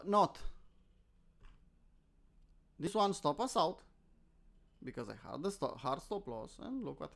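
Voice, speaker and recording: Gravelly and mid-range, this man's voice carries a Romanian accent; he's from Romania and works as a crypto trader. He hosts informal live trading commentary with self-deprecating humor, frequently asking himself questions and replying.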